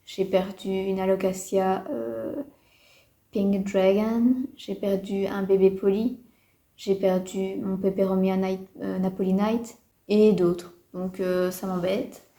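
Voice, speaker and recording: A woman's voice: medium pitch, level tone, slow, dark tone. A woman casually chatting to camera as a houseplant vlogger, hesitant, with many fillers and a mildly disappointed tone, indoors at home. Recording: roomy echo.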